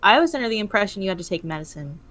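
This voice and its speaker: A woman with a bright voice plays a tabletop game. She chats casually and playfully at a medium pitch. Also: very animated, very fast. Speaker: player.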